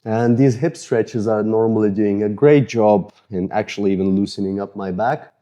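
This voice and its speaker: Here a male coach with an Eastern European accent guides viewers through mobility work in a casual way, freshly sweaty from exercising and cracking jokes about how tight he is. The pitch is fairly low and the pace moderate. He comes across as laid-back and self-deprecating in his coaching.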